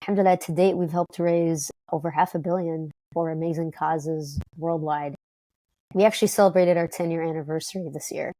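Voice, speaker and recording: A woman from Detroit, talking as an interview guest in an upbeat, quick way with many fillers and restarts. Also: low voice, steady tone, warm tone, no echo. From Detroit, United States. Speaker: guest, company co-founder. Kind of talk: conversational interview.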